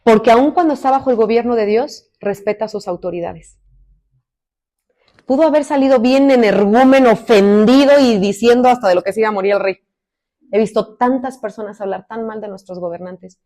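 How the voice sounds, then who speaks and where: Predicadora mexicana de voz suave y cálida. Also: female voice, on the high side, fairly quick. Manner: expressive, swings from loud emphasis to soft asides. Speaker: minister preaching. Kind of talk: sermon.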